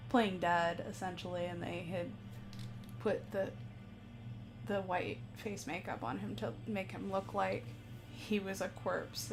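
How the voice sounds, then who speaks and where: A woman hosts a relaxed live stream while she paints and chats with her viewers. She rambles, laughs often and takes her time, speaking at an unhurried pace. Soft music plays faintly behind her. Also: mid-range voice, vocal fry.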